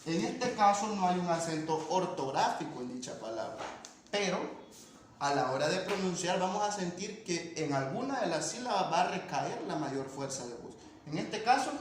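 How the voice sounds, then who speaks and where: A man's voice: high-pitched, lively intonation, normal speed. A man teaching a language lesson, explaining patiently and checking in with his students. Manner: patient, repeats points and asks ¿verdad?. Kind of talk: classroom lesson explaining phonetics. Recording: echoey room with faint noise.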